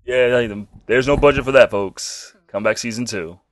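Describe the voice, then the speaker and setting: A man co-hosting a casual chat, animated and swearing freely. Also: mid-range voice, moderate pace, no echo. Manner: animated, swears freely, puts on silly quoted voices. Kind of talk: casual chat about comic book shows.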